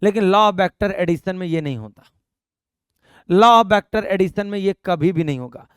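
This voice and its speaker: A young male physics teacher, speaking in a high, ringing voice. He lectures in an animated way, repeating key points and asking and answering his own questions. The sound is close and dry, with no room echo. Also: a little slow, clear, resonant tone. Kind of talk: classroom lecture.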